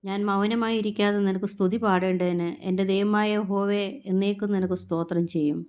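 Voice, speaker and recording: A woman reads scripture aloud, one psalm after another. Her pitch sits in an ordinary middle range, and she keeps an even, measured pace throughout. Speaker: scripture reader. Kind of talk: steady Bible reading aloud.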